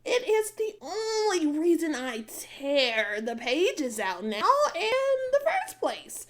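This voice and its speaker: A gentle, weary old witch, as a woman plays her in a fairy-tale audio drama. She speaks softly in a high, lilting voice that rises and falls widely. Every word comes slow and considered. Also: wildly swooping pitch, heavily acted. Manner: soft-spoken, slow, lilting.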